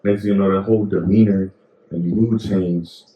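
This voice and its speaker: A young adult man co-hosts a podcast, chatting casually and rambling with plenty of slang and fillers. His voice sits low and steady at a normal speed, and the recording is muffled with an echoey room.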